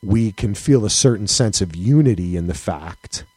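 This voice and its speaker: A man with a slightly husky voice co-hosts a casual podcast, his pitch swinging up and down as he gets animated. He swears freely, laughs mid-thought and keeps restarting sentences. The sound is close and dry. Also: moderate pace, no echo. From United States. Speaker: podcast co-host.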